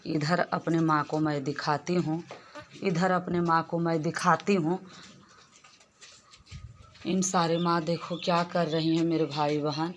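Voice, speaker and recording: Low-voiced woman touring her cow shelter. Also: a little hiss or hum. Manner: repetitive, plaintive, addresses viewers as brothers and sisters. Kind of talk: casual walkthrough vlog.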